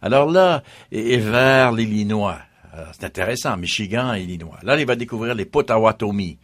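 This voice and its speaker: A man's voice: lowish voice, lively intonation, fairly quick, no room sound, studio quality. A man, a history guest explaining at length in a radio interview and listing names one after another.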